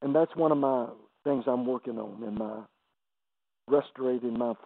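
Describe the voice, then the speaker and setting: A man in his seventies, an evangelist guest, telling emotional testimony stories on a radio interview, halting and repeating words as he goes. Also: medium pitch, no echo. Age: 70s. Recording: dry, phone-like radio line.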